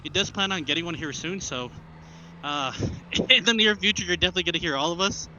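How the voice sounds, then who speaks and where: High, bright young American man inside a helmet. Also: fast. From Arkansas, United States. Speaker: motovlogger, new rider. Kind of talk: casual vlog chat while riding. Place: inside a helmet on a motorbike, outdoors. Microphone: helmet headset mic into an action camera. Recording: muffled helmet mic with engine and road noise.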